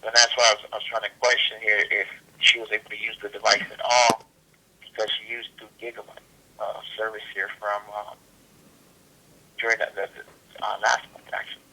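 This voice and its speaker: A man's customer service voice on a telephone call, very bright and forward with a gravelly rasp. He is polite and procedural, often repeating words haltingly as he works through an account. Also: lowish voice, level tone. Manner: halting, repetitive phrasing.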